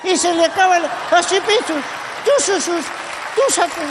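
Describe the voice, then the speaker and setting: A man doing a squeaky babbling comic clown. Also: steady tone, moderate pace, crowd noise. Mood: giddy. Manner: rambling, punning, mock English-lesson recital. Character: manic grown man babbling silly wordplay. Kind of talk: live comedy sketch. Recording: live stage recording with audience and hiss.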